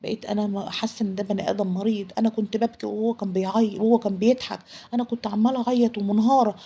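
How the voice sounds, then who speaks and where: A woman's voice: mid-range voice, steady tone, racing, mellow, slightly rough. A young Egyptian woman telling a dramatic first-person story in an emotional, confessional way. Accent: Egyptian Arabic. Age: young adult.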